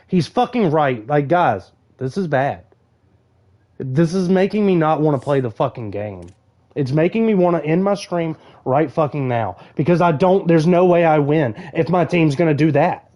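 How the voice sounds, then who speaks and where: A man's voice: high-pitched, dark tone. A young man, streaming a video game and ranting angrily with constant swearing. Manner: angry swearing rant, frustrated. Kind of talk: live game-stream commentary.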